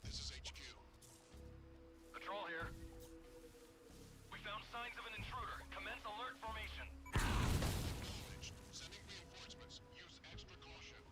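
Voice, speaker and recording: A man's voice: high voice, a little slow, long pauses, loud music behind the voice. A man voicing a stern male military radio operator who gives clipped orders over a crackly field radio. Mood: urgent.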